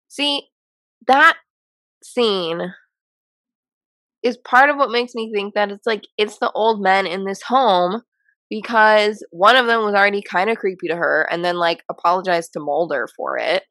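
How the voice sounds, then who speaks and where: A woman's voice: mid-range voice, sharp tone, dry recording. A woman co-hosting a casual chat, speculating and restarting her sentences as she thinks. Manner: halting, restarts often, speculative. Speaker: podcast co-host. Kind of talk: casual chat about a TV episode.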